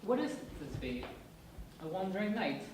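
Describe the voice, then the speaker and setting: A woman's voice: mid-range voice, big pitch swings, a little slow. A woman playing a reluctant young tradesman in a Shakespeare stage comedy. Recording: echoey hall, distant mic, noisy.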